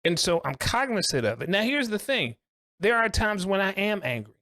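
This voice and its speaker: A man co-hosting a podcast discussion, talking earnestly and reflectively in deliberate, emphatic phrases. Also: high-pitched, very animated, bright, forceful tone, no echo, studio quality. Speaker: co-host.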